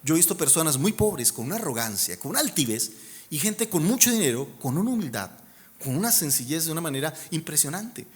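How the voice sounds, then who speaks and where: A Colombian man preaching a sermon as pastor, animated and humorous, swinging between loud emphatic lines and soft low endings. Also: fast. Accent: Colombian Spanish.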